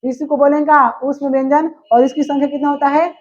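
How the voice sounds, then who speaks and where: A woman's voice: high-pitched, flat delivery, brisk. A woman teaching a grammar class. She asks questions and then answers them herself. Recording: dull lo-fi recording.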